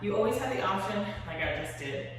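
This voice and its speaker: A woman's voice: medium pitch, expressive, fast talker. Echoey, distant woman aerobics instructor coaching a workout. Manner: encouraging, counting reps aloud, giving cues; exerting while talking. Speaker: fitness coach. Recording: echoey hall, distant mic, noisy.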